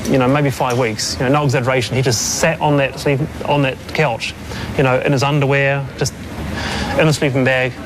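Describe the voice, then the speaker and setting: A man's voice: mid-range voice, level tone, a little fast, noisy background. A man, earnestly recalling events in a documentary interview, with many restarts and "you know"s. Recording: clear background music under the voice.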